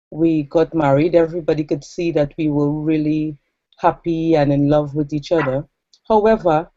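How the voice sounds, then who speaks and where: Warm-voiced woman, reflective. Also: deep voice, no echo. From Trinidad. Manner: earnest, reflective, with pauses and fillers. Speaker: guest. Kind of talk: personal story in an interview. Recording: dull lo-fi sound.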